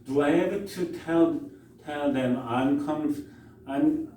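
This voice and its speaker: A man lecturing in English with a Korean accent, his mellow voice sounding distant in a very echoey room with faint background hiss. He tells stories in a loose, conversational way, often restarting his sentences. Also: on the high side. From South Korea. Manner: anecdotal, conversational, halting restarts. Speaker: professor. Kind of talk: university lecture. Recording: echoey room, far from mic, faint noise.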